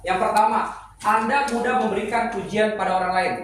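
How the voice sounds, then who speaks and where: A man's voice: high-pitched, fairly even intonation, brisk, a bit bright. A middle-aged man teaching at a church seminar, playful and joking with the congregation. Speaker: preacher. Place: church hall. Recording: echoey hall, speaker far from mic, noisy.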